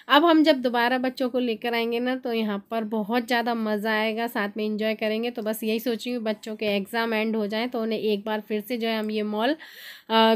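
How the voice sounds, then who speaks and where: A woman's voice: a little high, clean tone. A woman in her thirties narrating a family vlog as a voice-over, chatty and gushing, with many small fillers. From India. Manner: chatty, repeats fillers, gushes over what she shows. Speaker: family vlogger.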